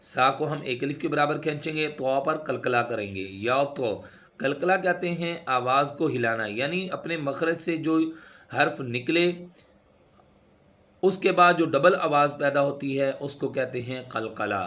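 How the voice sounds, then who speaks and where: Guy teaching recitation, slow and careful, stretches out the words when he demos them. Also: medium pitch, fairly bright tone. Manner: explains rules, then chants words slowly and drawn out; instructive, repeats sounds to demonstrate. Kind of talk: tajweed lesson.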